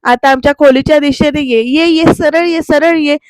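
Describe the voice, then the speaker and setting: A woman voicing an excitable older woman from a TV serial, urgently coaxing someone step by step. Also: sits high, normal speed, no echo, clean studio sound, pitched above the performer's own voice, lightly acted. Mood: eager coaxing.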